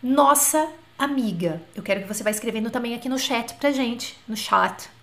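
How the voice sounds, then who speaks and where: A woman teaching French in a live online class, chatty, asking questions and dictating words slowly. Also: on the high side, fairly bright tone. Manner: slow, drawn-out dictation of example words.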